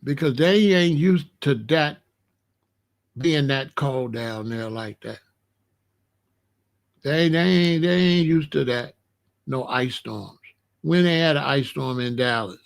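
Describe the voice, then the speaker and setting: A man's voice: medium pitch, slow, creaky, pauses often. A middle-aged or older American man chatting casually to his online viewers, colloquial and emphatic, repeating phrases for stress. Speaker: online video host. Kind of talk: casual livestream chat warning viewers about weather.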